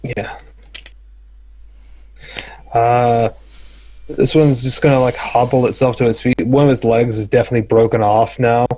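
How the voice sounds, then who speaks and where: A man running a tabletop game as game master, describing the action in a relaxed way with many fillers. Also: mid-range voice, unhurried, pauses often, dull audio.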